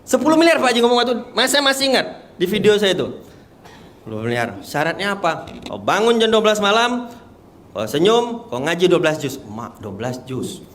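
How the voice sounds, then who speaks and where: Fired-up guy telling his faith story to a crowd, kinda high voice, faint hiss behind. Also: a little fast. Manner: earnest, animated storytelling with rising excitement. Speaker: guest giving a personal testimony. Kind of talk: emotional religious testimony to an audience.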